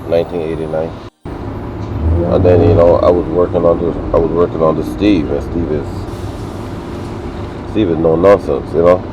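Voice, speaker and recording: A Barbadian man from Barbados, a construction worker talking casually in an interview, animated and repetitive, outdoors on a city work site. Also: low-pitched, normal speed, pauses often, lo-fi sound, noisy background. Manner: animated, repetitive, laughs while telling stories.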